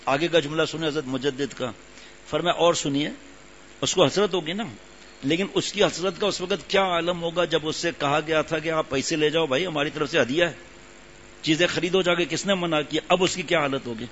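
Older man preaching, muffled and slightly high. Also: steady tone, a bit bright. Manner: conversational, repeats phrases for emphasis. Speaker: religious teacher. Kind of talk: sermon. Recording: muffled lo-fi recording with faint hum.

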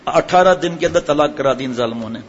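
A middle-aged man preaching a sermon, asking his listeners questions and answering them himself. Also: on the high side. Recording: hall echo, dull sound, faint ambient noise.

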